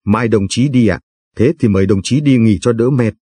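A man's voice: mid-range voice, moderate pace, warm tone, slightly rough, no echo, clean studio sound, natural voice. A man voicing a middle-aged provincial chairman who talks in an effusive, voluble way.

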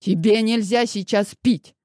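A woman's voice: medium pitch, steady tone, measured pace, a little mellow, no echo, clean studio sound, voice pushed up, natural voice. A woman voicing a worried, determined businessman who speaks urgently and gives commands.

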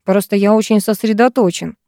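A woman reading an audiobook, voicing a lanky teenage boy with a calm, mocking manner. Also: medium pitch, brisk, dry recording, studio quality, close to an everyday voice. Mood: teasing.

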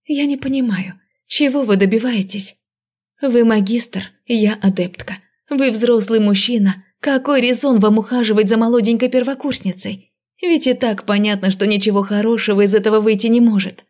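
A woman voicing a fiery, sarcastic young female first-year magic student in an audiobook, talking sharp and defiant. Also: medium pitch, moderate pace, natural voice. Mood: indignant. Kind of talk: audiobook character voice.

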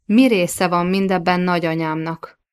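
A woman reading a storybook, voicing a pious young medieval queen who accuses her husband earnestly and gravely. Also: on the low side, fairly even intonation, lightly acted. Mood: startled.

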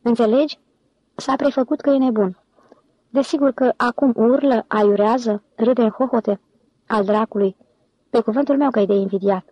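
A man's voice: very high voice, no echo, highs cut off. A woman voicing a sly, gossipy male office clerk who talks eagerly and confidingly.

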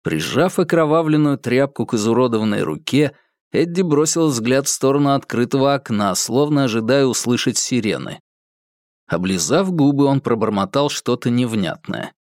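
A man's voice: medium pitch, expressive, normal speed, darkish tone, no echo, studio quality. A man narrating a crime story as an audiobook, vivid and dramatic.

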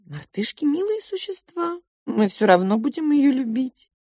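A firm mother who snaps back sharply and won't be argued with, her voice pitched a little higher than the reader's own, as a woman acts her out. The voice is husky and breathy, and the recording is dry and close. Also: sing-song, normal speed, a little mellow, dry recording. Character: firm, protective mother of a girl.

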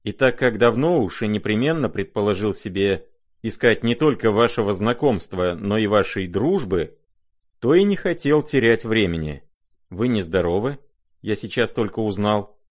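A man reading a courteous, ironic gentleman. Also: on the low side, lively intonation, normal speed, natural voice. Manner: courteous, smooth. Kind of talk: audiobook character voice.

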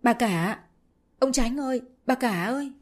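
A woman's voice: fairly high pitch, expressive, unhurried, faint music behind, voice pushed up. A woman voicing a frightened young wife in a spoken story, calling out in panic and out of breath. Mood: panicked.

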